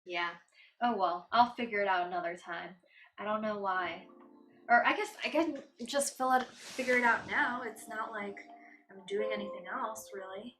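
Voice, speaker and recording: A woman's voice: mid-range voice, moderate pace. A woman livestreaming in a casual, chatty way, cooing and doting as she talks to her cats. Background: faint background music.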